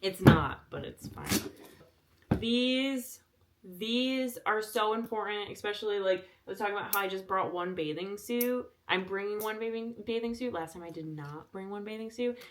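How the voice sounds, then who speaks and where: Chatty woman with a monotone delivery. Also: medium pitch, normal speed, noisy background. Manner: self-described monotone delivery; chatty, filler-heavy. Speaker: vlogger. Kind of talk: casual packing vlog.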